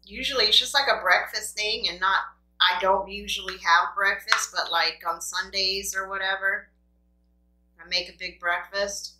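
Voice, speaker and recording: Bright-voiced woman chatting over a meal, roomy echo. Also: medium pitch, steady tone, moderate pace. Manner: talks between bites with small appreciative mm sounds; playful self-talk, grumbling at the food. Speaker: mukbang vlogger. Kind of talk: casual chat to camera while eating. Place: room at home. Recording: roomy, echoing indoor sound.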